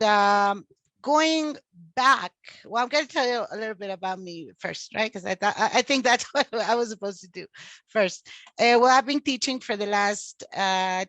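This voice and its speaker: Talkative woman from Mexico, higher voice. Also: fairly bright tone, dry recording. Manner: talkative, many fillers and restarts. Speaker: teacher and podcast guest. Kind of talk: casual interview talk.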